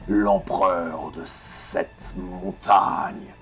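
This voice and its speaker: A man voicing an ancient, tyrannical godlike guardian of an underground city in a tabletop game, deep, cavernous, menacing and grandiloquent. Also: steady tone, fairly bright tone, heavily acted. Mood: imperious, threatening. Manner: slow, menacing, imperious, grandiloquent. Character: ancient vast tyrannical underworld guardian, self-proclaimed mountain emperor. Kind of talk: deep echoing underworld god, dramatic monologue. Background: music.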